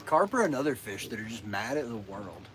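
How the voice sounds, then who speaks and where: A man's voice: on the low side, very animated, fairly quick, fairly bright tone, a little hiss or hum, rough recording. A man, a fishing vlogger chatting and joking casually on a boat outdoors. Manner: joking, drawling, tells corny jokes. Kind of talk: casual livestream chat. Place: outdoors on a boat on a lake in the rain.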